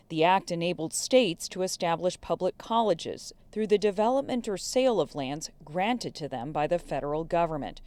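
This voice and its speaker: Woman reporter narrating an investigative exposé, lowish voice. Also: darkish tone.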